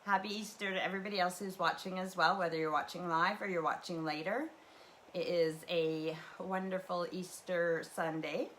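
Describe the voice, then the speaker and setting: A livestream host from the Canadian prairies chats away at home in a low, slightly bright voice, her intonation fairly even and her speed normal. She meanders from one thought to the next, full of fillers and restarts, while a faint ambient hum sits behind her webcam mic.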